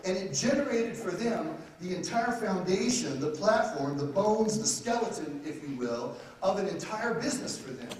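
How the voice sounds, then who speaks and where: Man, seminar speaker, brash and salesy, fairly high voice, heavy room echo, distant from the mic, faint room noise. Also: expressive, normal speed. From Texas. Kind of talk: live seminar talk. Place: conference room with audience. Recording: roomy, distant live hall sound.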